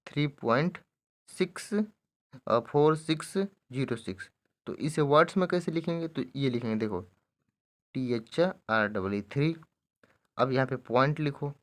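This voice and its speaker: A man teaching a maths lesson, explaining each step slowly and often checking in with his students. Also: medium pitch. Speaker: math teacher.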